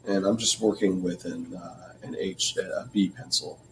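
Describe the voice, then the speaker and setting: Man, deep voice, unhurried art-lesson narration, slightly hoarse, mic set back with faint room hum. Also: distant mic. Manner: relaxed, thinking aloud while drawing, frequent throat clearing. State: losing his voice. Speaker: art teacher. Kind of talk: drawing tutorial narration.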